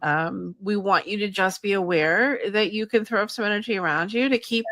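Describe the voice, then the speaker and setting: A woman's voice: medium pitch, normal speed, a bit bright, no echo. A woman co-hosting a spiritual podcast, chatting casually and rambling a little as she wraps up. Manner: chatty, rambling, self-deprecating. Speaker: podcast co-host. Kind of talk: casual chat.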